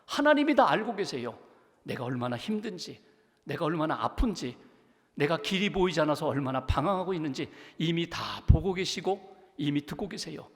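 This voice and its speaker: A man's voice: on the high side, very animated, moderate pace. A male pastor preaching a sermon in a church, speaking emphatically and asking the congregation rhetorical questions. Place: church sanctuary. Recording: long church reverb.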